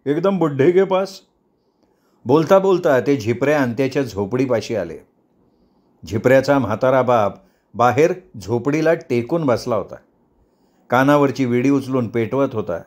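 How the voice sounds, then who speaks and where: A man with a Marathi accent narrating a novel as an audiobook storyteller, measured and vivid. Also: medium pitch, expressive, a little mellow.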